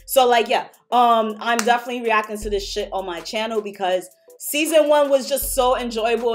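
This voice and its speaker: A woman talking in a casual reaction vlog, excitable, slangy and profane. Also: a little high. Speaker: anime reaction YouTuber.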